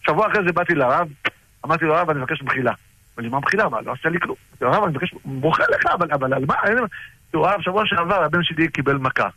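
A middle-aged man casually recounting personal stories about his rabbi, halting with frequent restarts. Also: fairly high pitch, animated, sharp tone, dry recording, poor audio. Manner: halting, with many restarts and fillers. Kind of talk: casual storytelling.

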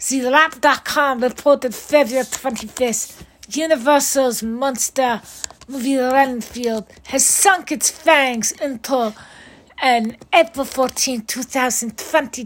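A woman putting on a slow, breathy, spooky vampire voice while reading the news. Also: high voice, fairly bright tone, full character voice. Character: slow, creepy vampire-styled news teller.

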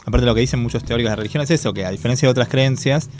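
With faint music behind him, a co-host from Argentina talks rapid-fire in a medium-pitched, darkish voice marked by a Rioplatense Spanish accent. The casual conversation finds him thinking aloud, thoughtful yet hesitant, leaning on lots of fillers.

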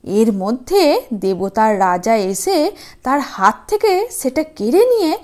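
A woman's voice: on the high side, sing-song, slow, darkish tone. A woman hosting and narrating stories for young children, speaking to them in a sweet, sing-song manner. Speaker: children's story channel host and narrator.

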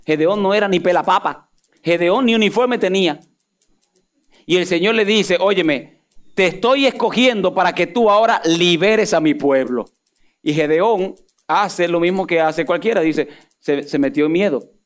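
Animated preaching man, high-pitched. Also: moderate pace. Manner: animated preaching, swings from loud emphatic peaks to low asides. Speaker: pastor. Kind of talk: sermon.

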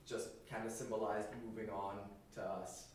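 Thoughtful band member, distant echoey mic. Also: male voice, fairly low pitch, little pitch movement, moderate pace, a little mellow, slight background noise. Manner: thoughtful, explains with a laugh. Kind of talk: casual interview chat. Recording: echoey room from far off.

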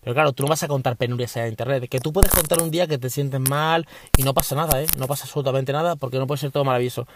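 Speaking very fast with few pauses, this medium-pitched man from Spain chats casually as a podcast host sitting in his parked car. He rambles, keeps restarting, and swears mildly, with background noise audible behind him.

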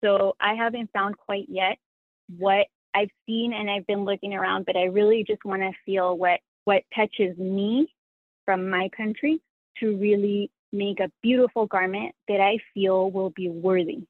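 A woman with a medium-pitched voice speaks a little slowly, her intonation fairly even and free of room sound. She is a Spanish-first-language sewing creator being interviewed over a tinny, dry phone line, and she reflects earnestly and critically on herself.

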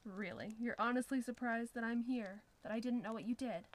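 A woman reading a calm, menacing villain husband. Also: a little high, fairly quick, close to an everyday voice. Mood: mocking.

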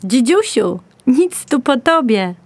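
A woman's voice: high-pitched, very animated, slow, a little mellow, dry recording, voice pushed up, heavily acted. Woman putting on mocking, jeering horses. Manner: teasing, scornful. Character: mocking herd of working horses.

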